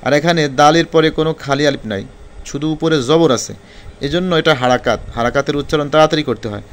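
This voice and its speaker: A man teaching Quran reading, spelling out Arabic letters slowly one by one and explaining the rules more quickly. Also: fairly high pitch, clean tone. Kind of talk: spelling-out recitation lesson.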